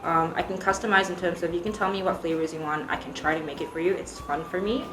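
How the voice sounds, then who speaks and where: A woman's voice: on the low side, steady tone, fast talker. A young woman from Singapore with an American accent, a baker answering interview questions in a chatty way with lots of ums. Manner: chatty, laughs easily, many ums. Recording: echoey room with music behind.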